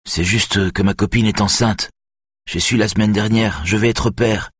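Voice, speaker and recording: Brief: nervous young male officer, read by a man, low and husky, anxious muttering. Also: steady tone, normal speed, a bit bright, no room sound, clean studio sound.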